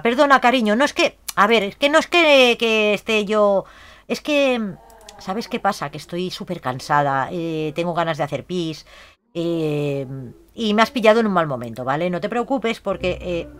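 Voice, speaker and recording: A woman's voice: lowish voice, fairly bright tone, smooth. A woman in her twenties with a Spain Spanish accent, chattily narrating a life-sim game and breaking into shrieks of shock. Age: 20s. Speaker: let's play gamer.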